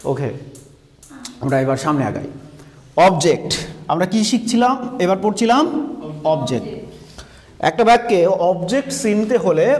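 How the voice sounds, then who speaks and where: A man with a Bangladeshi Bengali accent teaching a grammar lesson in a school classroom, asking the class questions and repeating their answers. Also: sits high. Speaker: English teacher.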